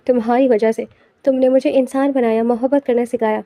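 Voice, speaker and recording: A woman's voice: a little high, fairly even intonation, dark tone, dry recording, close to an everyday voice. A woman voicing a tender young husband, once stern, in an audiobook novel. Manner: tender and affectionate.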